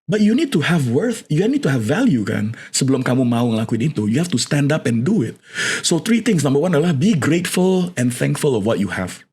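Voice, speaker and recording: A man's voice: medium pitch, very animated, a little fast, darkish tone, husky. A man talking as a podcast guest, telling stories and giving advice, often dropping English phrases into his speech and laughing as he goes. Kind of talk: conversational storytelling and advice.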